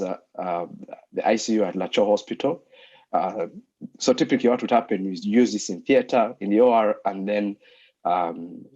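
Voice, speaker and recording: A man's voice: on the low side, darkish tone, slightly rough. A man from Uganda giving an online talk as a doctor and lecturer, speaking hesitantly with many fillers over a video call. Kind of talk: online presentation. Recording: muffled video call audio.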